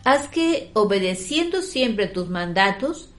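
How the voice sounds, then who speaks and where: A woman giving the responses in a liturgical prayer, solemn, measured and devotional. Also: medium pitch, sing-song, fairly bright tone, soft background music.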